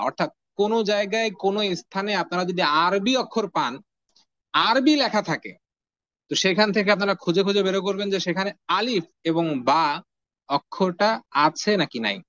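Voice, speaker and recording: A man teaching the Arabic alphabet in an online lesson, patiently drilling letter sounds with steady repetition. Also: high voice, a little fast. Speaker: Quran reading teacher. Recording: dull lo-fi audio.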